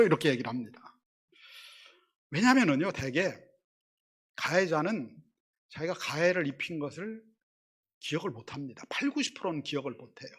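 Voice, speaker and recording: A man's voice: high voice, fairly bright tone, breathy edge. A male pastor preaching a sermon in a conversational way, asking the congregation questions and acting out quarrelling voices in quotes. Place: church sanctuary.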